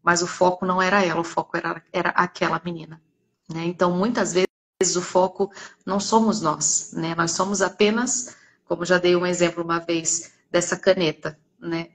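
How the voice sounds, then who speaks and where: A Brazilian woman telling a church testimony in an earnest storytelling way, often adding "né?". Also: on the low side. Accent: Brazilian Portuguese.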